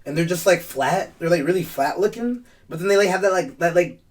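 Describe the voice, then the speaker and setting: A man co-hosting a podcast in casual chat, telling stories in an animated way, swearing freely and laughing often. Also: high-pitched, a little fast, far from the mic. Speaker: podcast co-host.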